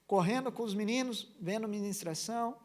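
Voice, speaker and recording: A young man preaching a sermon, passionate, slowing down to stress points and telling stories with lively energy. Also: high-pitched. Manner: passionate, slows down for emphasis, then tells stories animatedly. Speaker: pastor.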